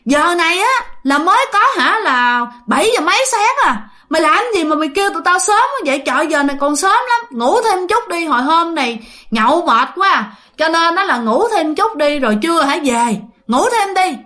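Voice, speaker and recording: This is a groggy young man, roused too early and scolding shrilly in a Southern Vietnamese accent, as a woman storyteller puts him on. The voice sits high and is pushed louder than the teller's own. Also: expressive, normal speed, exaggerated voice. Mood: annoyed.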